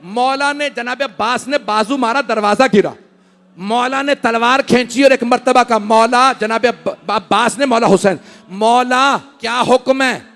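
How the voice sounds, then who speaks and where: A man delivering a Muharram majlis sermon, swinging from loud wailing cries to hushed, sobbing recitation. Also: extremely high pitch, a little slow. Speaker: religious orator reciting a majlis.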